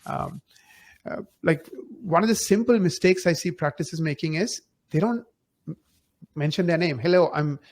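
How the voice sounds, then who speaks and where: This man's voice sits fairly high, moving at a moderate pace over a slight hiss or hum. As a podcast guest who founded a marketing company, he offers advice conversationally, with plenty of emphasis, rhetorical questions and acted-out scenarios.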